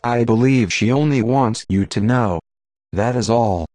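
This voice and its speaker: A man voicing a calm, patient Jedi master in an audiobook, speaking quietly and firmly. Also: mid-range voice, dry recording, natural voice. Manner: quiet, firm and measured.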